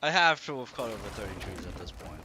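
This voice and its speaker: A man's voice: fairly low pitch, big pitch swings, quick pace, over loud music. A man streaming a game, giving casual live commentary as he thinks aloud and grumbles. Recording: clear background noise.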